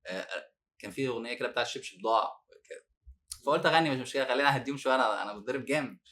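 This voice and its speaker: Egyptian man guest, rapid, bright and forceful delivery, animated storyteller who laughs through hard memories. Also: mid-range voice. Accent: Egyptian Arabic. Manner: animated, laughs while recounting hardship. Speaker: former detainee guest. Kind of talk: podcast interview storytelling.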